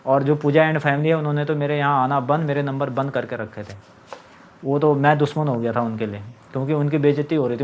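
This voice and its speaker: Speaking in a somewhat high voice over a faint hiss or hum, this young man recounts something that happened to him. It's a casual, agitated monologue full of complaints, and he performs what others told him.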